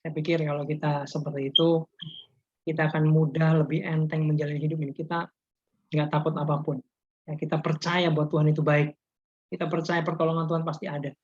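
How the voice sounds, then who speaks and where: Husky-voiced male pastor preaching over a video call. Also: on the high side, brisk. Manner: lively storyteller acting out quotes. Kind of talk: sermon with storytelling. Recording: muffled video call audio.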